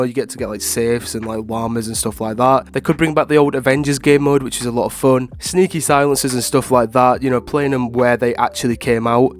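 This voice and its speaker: A man who is ill with a blocked, nasal voice, giving casual, rambling opinion commentary to viewers as a gaming video creator. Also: mid-range voice. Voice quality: nasal, congested. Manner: informal, rambling, frequent hedging with "like" and "obviously".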